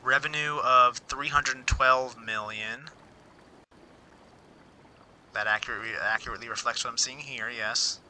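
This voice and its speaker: Here a man reads out figures during casual livestream commentary, reflecting on them with dry humor, cutting himself off and repeating words as he goes. His mid-range voice is steady and sharp, at a measured pace with frequent pauses. Slight background noise and rough audio accompany him.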